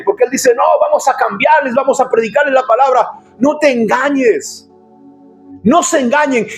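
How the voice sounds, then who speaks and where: High-voiced man preaching emphatically. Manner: emphatic, urgent, bursts into shouting. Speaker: pastor. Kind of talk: sermon.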